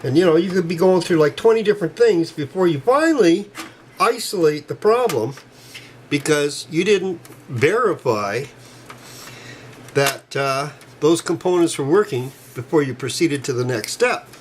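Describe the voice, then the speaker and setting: An older man narrating a hands-on computer repair in a casual, folksy, chatty way, with bursts of excitement. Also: on the high side, normal speed, a little hiss or hum, rough recording. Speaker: PC repair hobbyist.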